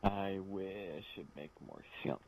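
Low-pitched man trading crude insults mid-game. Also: slow pace, vocal fry, darkish tone, a little hiss or hum, low-quality recording. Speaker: let's play gamer. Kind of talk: casual gaming chat.

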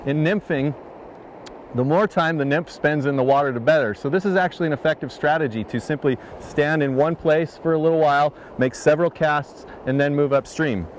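A man narrating a fly fishing lesson in a calm, explanatory manner. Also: fairly high pitch, a little fast, a little hiss or hum. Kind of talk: instructional voice-over narration.

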